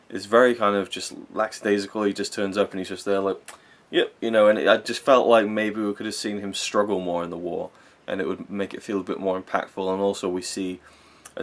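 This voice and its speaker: A young man giving a casual, rambling, earnest film review, swearing now and then and getting openly emotional. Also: low voice.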